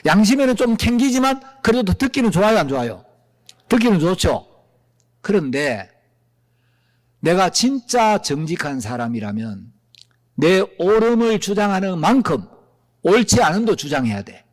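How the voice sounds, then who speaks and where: A man's voice: high voice, big pitch swings, moderate pace, pauses often, long reverb tail. A male pastor preaching a sermon, firing rhetorical questions at the congregation.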